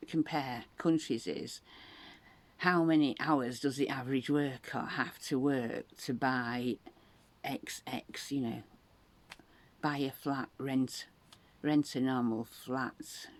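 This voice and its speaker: Chatty woman in her sixties. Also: rumbling low. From England. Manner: rambling, chatty, animated when quoting others. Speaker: vlogger. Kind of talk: casual monologue.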